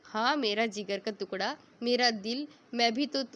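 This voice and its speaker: A woman's voice: on the high side, measured pace. A woman reading as a tired, fond father. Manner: gentle, fond. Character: tired, affectionate middle-aged father.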